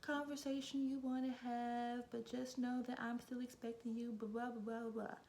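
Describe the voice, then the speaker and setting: A woman mimicking a stern, sarcastic female store manager in a high, condescending sing-song voice. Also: little pitch movement, moderate pace, darkish tone, natural voice. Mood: firm.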